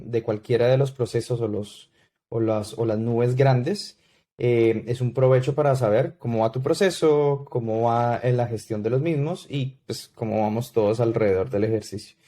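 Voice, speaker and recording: A man in his thirties with a Colombian accent, a podcast guest who tells his story slowly, with many fillers and restarts. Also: mid-range voice, fairly even intonation, mellow. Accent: Colombian Spanish. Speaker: guest consultant. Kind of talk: podcast interview.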